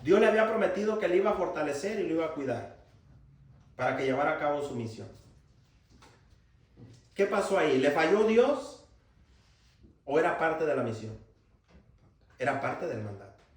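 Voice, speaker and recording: A man's voice: a little high, sing-song, normal speed, long pauses. A man preaching a sermon to young people as their pastor, emphatic and full of rhetorical questions. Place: church hall. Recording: very echoey church hall from far off.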